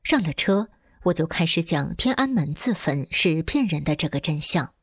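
A woman with a low, slightly husky voice reads a first-person account in a steady, earnest way. Her intonation rises and falls in wide swings. The recording is dry and close, with no room echo. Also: normal speed. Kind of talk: first-person testimony narration, read aloud.

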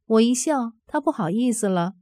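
A woman reading a first-person testimony aloud in an earnest, steady voice. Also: fairly high pitch, normal speed, dry recording, studio quality.

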